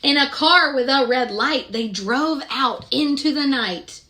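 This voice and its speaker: A woman reads a picture book to children, expressive and deliberate, stopping now and then to ask the little ones questions. Her voice is high.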